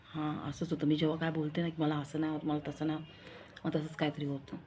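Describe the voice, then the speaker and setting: A woman's voice: low voice, monotone, quick pace, darkish tone, slight background noise. A young woman with a Marathi accent chatting in a rambling, confiding vlog style, repeating herself as she talks. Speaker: vlogger. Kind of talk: casual vlog chat.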